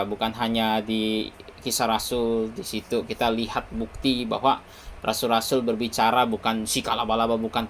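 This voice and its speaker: A man's voice: on the low side, slight background noise. A male preacher giving a Bible teaching sermon, emphatic, often closing his phrases with a short tag word. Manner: emphatic, repeats "begitu" to close phrases.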